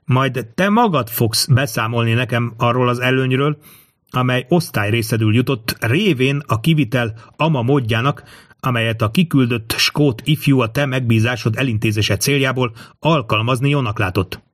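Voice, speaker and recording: Dude reading a calm bold astrologer guy, solemn, mid-pitched voice. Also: dry recording, studio quality, natural voice. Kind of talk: audiobook character reading.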